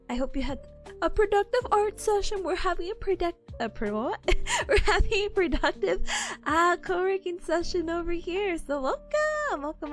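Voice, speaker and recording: A young woman chatting casually as a livestream host in a cute, bubbly, playful anime-streamer manner. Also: high voice. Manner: playful, giggly, drawn-out exclamations. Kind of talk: casual livestream chat greeting viewers. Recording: music playing behind the voice. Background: music.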